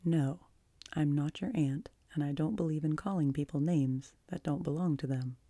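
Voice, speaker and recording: A woman's voice: sits low, normal speed, warm tone. A woman voicing a stern, practical older guardian in an audiobook, firm, curt and disapproving. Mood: grim. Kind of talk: audiobook character voice.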